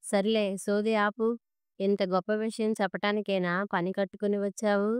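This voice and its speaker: A fed-up middle-aged husband snaps back curtly in a spoken storybook, as a woman reading the story voices him. The voice is very clear and smooth, with a dry, close sound. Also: medium pitch, little pitch movement, moderate pace, no echo, close to an everyday voice. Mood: irritated. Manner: curt and impatient.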